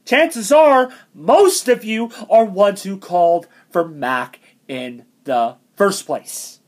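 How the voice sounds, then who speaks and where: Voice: medium pitch, expressive, takes it slowly. A fan ranting in exasperated, sarcastic commentary, tripping over words.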